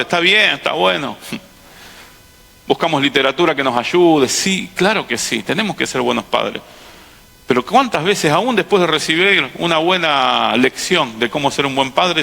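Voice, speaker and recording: A man with a Rioplatense Spanish accent preaching a sermon as pastor, swinging between hushed lines and loud impassioned bursts. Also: mid-range voice, expressive, normal speed, gravelly. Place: large auditorium. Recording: long hall reverb.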